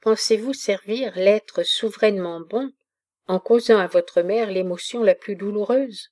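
Une jeune femme douce mais indignée adresse un reproche, lue par une femme. La voix est mate et chaude. Le ton reste grave. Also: female voice, mid-range voice, measured pace, a little mellow, lightly acted. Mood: reproachful. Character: young woman, gentle but indignant.

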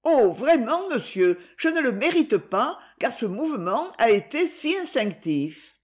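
A woman's voice: on the high side, very animated, a little slow, voice pushed up. A woman voicing a shaken, modest young woman in a read novel, protesting in a raised voice. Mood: flustered.

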